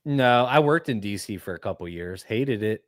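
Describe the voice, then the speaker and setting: A man's voice: fairly low pitch, lively intonation, moderate pace, fairly bright tone, no echo, clean studio sound. A man from Maryland, co-hosting a podcast in blunt, casual chat. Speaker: podcast co-host.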